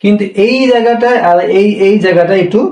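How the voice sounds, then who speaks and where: A man teaching a language class, speaking slowly and going over each word again, often pausing to check that listeners follow. His voice sits a little high. It rings in an echoey room and comes from some distance away from the mic. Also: darkish tone. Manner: slow, repetitive, checks with "হ্যাঁ?".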